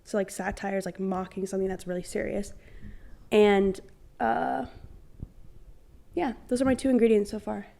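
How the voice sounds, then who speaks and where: A young woman in a relaxed podcast chat, talking in long, rambling runs full of "like" and little acted-out quotes. Her voice sits at an ordinary middle pitch. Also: moderate pace, vocal fry, pauses often. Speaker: podcast co-host. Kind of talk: casual chat.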